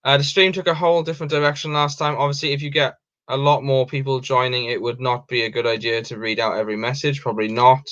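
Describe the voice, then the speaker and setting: A young man from Wales runs a casual livestream, reading viewers' questions and replying in a meandering style with frequent ums and restarts. His mid-range voice moves at a quick pace with fairly even intonation and a fairly bright tone. Stream audio is dull and lo-fi.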